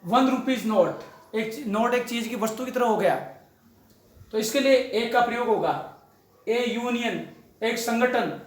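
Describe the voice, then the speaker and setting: A male English teacher with an Indian English accent, giving a grammar lesson, addressing his students fondly and repeating words slowly for drill. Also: extremely high pitch. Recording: echoey room.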